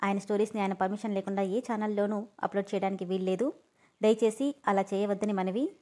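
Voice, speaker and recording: A woman's voice: mid-range voice, fairly even intonation, fairly quick, dark tone. A woman reading a serialized story aloud with dramatic expression. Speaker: story reader. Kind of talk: storytelling narration.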